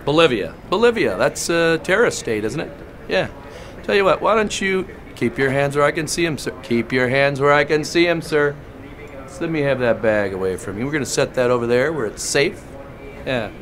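A pushy airport security guard who grills travelers with heavy sarcasm and a mock-official tone, as a male comedian plays him. His voice sits at an ordinary middle pitch for a man and sounds like everyday speech. He talks in a leering, interrogating comic style. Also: a bit bright, a little hiss or hum. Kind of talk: comedic character monologue.

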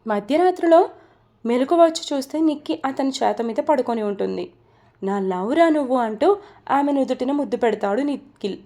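A woman narrating a romance story from a script in a steady, even reading voice. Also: high voice, normal speed.

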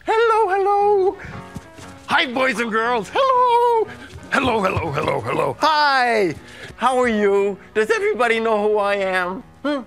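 A man's voice: very high voice, sing-song, measured pace, fairly bright tone, soft background music, full character voice. A man playing a big silly friendly wolf. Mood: playful. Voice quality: playful, jumps into animal sounds. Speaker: live stage performer. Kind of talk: live children's theater. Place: stage before a child audience.

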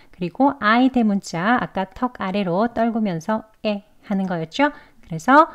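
A woman's voice: mid-range voice, a little mellow, dull audio. Patient woman teaching pronunciation. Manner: clear, patient step-by-step explaining with drawn-out model words. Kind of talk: pronunciation lesson.

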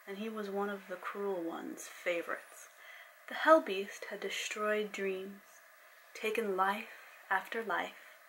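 A young woman author reading her own story aloud in a soft, breathy, playful spooky voice. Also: mid-range voice, a little hiss or hum, poor audio. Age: young adult. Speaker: romance author and channel host. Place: small indoor room, on a sofa.

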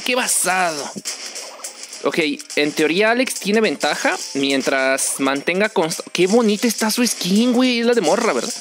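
A young man with a Mexican accent, doing excitable, joking commentary while playing a game with friends. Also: sits high. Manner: joking, excitable, teasing teammates. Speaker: gaming streamer. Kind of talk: casual gameplay commentary.

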